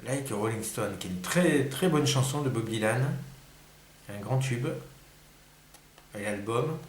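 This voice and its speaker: A man's voice: medium pitch, animated, a little slow, reverberant, slight background noise. A man hosting a casual solo music quiz, thinking aloud, muttering and sighing over the answers and then perking up. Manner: mutters and sighs while thinking, then perks up. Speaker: host of a record-collecting channel.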